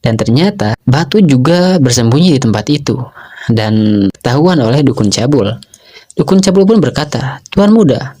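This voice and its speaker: A man tells a story recap in a chatty, casual tone, talking straight to his listeners. His pitch sits in the middle and his delivery is relaxed and conversational. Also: moderate pace. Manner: chatty, addresses listeners as guys.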